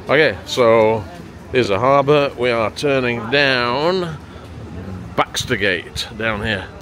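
Speaking slowly in a medium-pitched, somewhat bright voice, a man in his forties vlogs his walk between pubs. He films himself with a handheld camera at arm's length, upbeat and chatty, pointing out sights inside pubs and along town streets.

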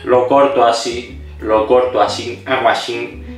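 Animated man. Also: mid-range voice, a little slow. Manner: animated, exaggerated storyteller. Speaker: cooking channel host. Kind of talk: casual storytelling to camera. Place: home kitchen. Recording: echoey room, mic at a distance, background music.

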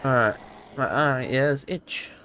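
A man's voice: mid-range voice, takes it slowly, heavy background noise. A man giving casual gameplay commentary with dry, sarcastic asides. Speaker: gamer. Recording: game music loud under voice. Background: game music and gunfire.

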